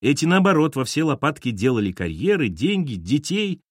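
A man narrating a novel in an expressive storytelling manner. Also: fairly high pitch, fairly quick, dry recording, studio quality. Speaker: audiobook narrator. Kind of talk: scripted narration.

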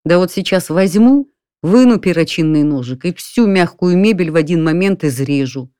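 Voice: mid-range voice, animated, mellow, smooth, no room sound, clean studio sound, close to an everyday voice. Reader doing a folksy, reasoning burglar. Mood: mocking threats. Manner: folksy, unhurried, addresses the listener as "барин". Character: calm, reasoning burglar in an apartment.

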